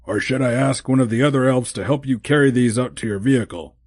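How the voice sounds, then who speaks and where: A man voicing a small, brisk, cheerful male elf in an audiobook, with a chirpy, bossy manner. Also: medium pitch, a little mellow, dry recording, clean studio sound, pitched above the performer's own voice, lightly acted. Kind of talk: audiobook character voice.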